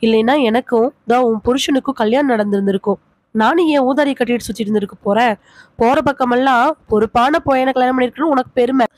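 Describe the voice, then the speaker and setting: A woman's voice: on the high side, a little mellow, no echo, lightly acted. A woman voicing a bitter young village wife, accusing her in-laws in a storybook reading. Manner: accusing, reproachful, rapid questioning. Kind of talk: audiobook character reading.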